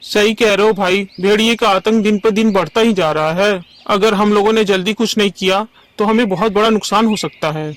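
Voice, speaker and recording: A man's voice: sits high, normal speed, a bit bright. A man voicing an anxious village man in a cartoon story, who speaks in an earnest, agreeing way. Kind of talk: cartoon voice acting.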